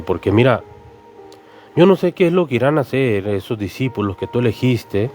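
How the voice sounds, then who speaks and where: [name], a preacher acting a boastful impulsive disciple. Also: male voice, medium pitch, a little mellow, natural voice. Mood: pleading. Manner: pleading, insistent, repeats the friend's name often. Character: impulsive loyal adult male disciple, boastful and earnest. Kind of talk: sermon storytelling with acted voices.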